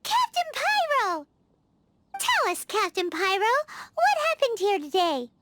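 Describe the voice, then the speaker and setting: A woman voicing a tiny, excitable female fairy companion in a video game cutscene, bubbly and cheeky. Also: very high voice, measured pace, very noisy, heavily acted. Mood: teasing. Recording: game score playing underneath.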